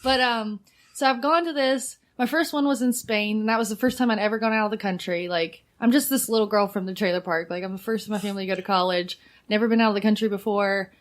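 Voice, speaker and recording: A woman's voice: mid-range voice, fast. A woman in her thirties, a biochemist guest on a podcast, chatting casually with lots of "like" and frequent laughter. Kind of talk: casual chat.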